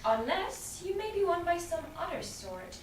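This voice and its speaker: High-voiced Nerissa, played by a woman, echoing room. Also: sing-song, normal speed. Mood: reassuring. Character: loyal, teasing young lady-in-waiting. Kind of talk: staged reading of Shakespearean comedy. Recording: echoey, noisy room from far off.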